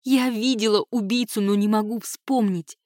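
A woman reading an audiobook, voicing a distraught young woman who shouts accusations through tears. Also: medium pitch, fairly even intonation, moderate pace, dry recording, studio quality, lightly acted. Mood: furious, tearful.

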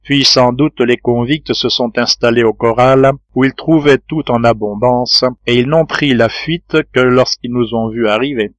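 A man voicing a loyal, level-headed reporter in an audiobook, speaking earnestly and in a measured way. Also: mid-range voice, no echo, natural voice. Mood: grave.

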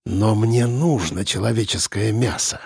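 A man voicing a menacing male cannibal captor who speaks quietly, slowly and coldly. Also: on the low side, vocal fry, breathy edge, dry recording, studio quality, pitched below the performer's own voice, heavily acted. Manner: quiet, slow and icy. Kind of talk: audiobook character voice.

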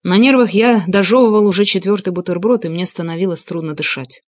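A woman reads a first-person audiobook with even, measured delivery. Her voice sits at a middling pitch. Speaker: audiobook narrator. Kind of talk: scripted first-person narration.

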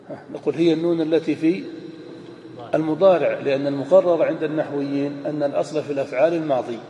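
A man's voice: on the high side, dark tone. A man teaching a classroom grammar lesson, explaining step by step and answering his own questions. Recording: echoey hall, faint room noise.

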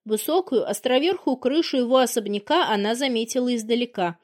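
A woman narrating an audiobook with an even, storytelling delivery. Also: fairly high pitch, a little fast. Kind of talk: scripted narration.

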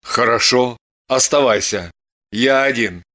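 A reader voicing a gruff, practical husband who answers in short, clipped, commanding phrases in a lowered voice. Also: male voice, slow pace, bright, forceful tone. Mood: curt.

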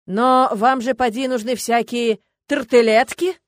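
Storybook role: a blunt, haggling tavern keeper, middle-aged man, loud , read by a woman. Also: fairly high pitch, steady tone, a little slow, dry recording, clean studio sound, pitched above the performer's own voice, close to an everyday voice. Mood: gruff.

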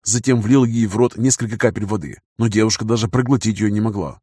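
A man narrating a first-person audiobook in a tense, measured storytelling manner. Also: on the low side, warm tone, breathy edge, no room sound, studio quality. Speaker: audiobook reader.

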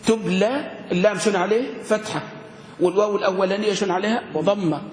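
A man teaching a grammar class, questioning his students and spelling words out slowly. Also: high-pitched. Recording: echoey room with long reverb, faint noise.

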